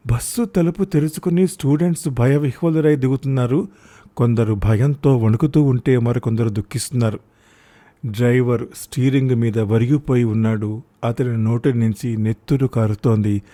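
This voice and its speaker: A man narrating a story audiobook in a steady, formal reading manner. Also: mid-range voice.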